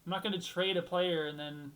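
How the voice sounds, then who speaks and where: A man's voice: sits high, fairly even intonation, brisk, a bit bright, poor audio. A young man hosting a solo basketball talk show, rambling and thinking aloud, restarting sentences and swearing casually.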